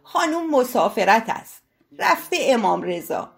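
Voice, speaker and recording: A woman's voice: fairly high pitch, big pitch swings, creaky, soft background music. A woman voicing a sly male servant who answers glibly and mockingly. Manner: glib, mocking, feigning innocence. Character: sly, cool-headed male household servant.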